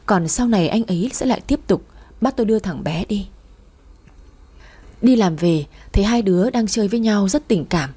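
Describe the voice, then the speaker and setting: A woman narrating a first-person family story in a soft, sorrowful way. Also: mid-range voice, breathy edge.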